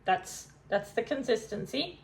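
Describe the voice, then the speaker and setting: A woman's voice: fairly high pitch, lively intonation, measured pace, a little hiss or hum. Giggly chatty woman. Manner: chatty, giggly, self-deprecating. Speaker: home cooking vlogger. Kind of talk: casual kitchen demo to camera. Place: home kitchen.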